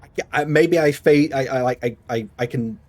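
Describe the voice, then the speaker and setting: A man from Manchester, England, with a Mancunian accent, chats casually while live-streaming a game. His medium-pitched voice moves at a moderate pace as he rambles and laughs often.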